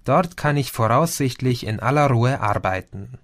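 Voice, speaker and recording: A man voicing a calm young man who reports events in a matter-of-fact way. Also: medium pitch, normal speed, lightly acted.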